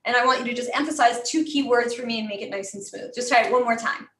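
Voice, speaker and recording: A woman's voice: on the high side, fast talker, a bit bright, echoey room. An American woman coaching a live online class, encouraging and chatty, full of "you know" fillers. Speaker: voice and presentation coach.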